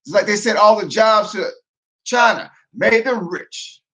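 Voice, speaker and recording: A man, a military veteran, talking in a loud, profane, casual monologue, breaking into laughter as he goes. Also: high-pitched, unhurried. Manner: loud, profane, laughing asides, animated rant.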